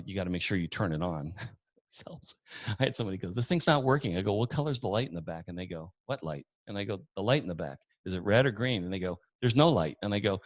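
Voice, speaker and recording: Deep voiced guy teaching a webinar, chatty and folksy, acts out little stories, no room echo. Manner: chatty, folksy, tells anecdotes with acted-out dialogue. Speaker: webinar presenter. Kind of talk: casual demo lesson.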